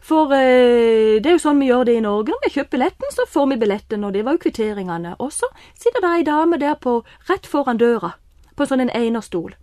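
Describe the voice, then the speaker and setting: A woman telling a lively personal story, excited bursts mixed with quieter asides. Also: high-pitched, no echo, studio quality. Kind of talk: animated personal anecdote.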